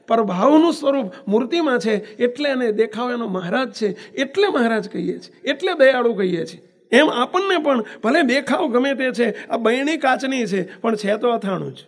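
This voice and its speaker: A monk giving a devotional discourse, often asking his listeners questions and using everyday examples. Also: very high voice. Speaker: monk preacher.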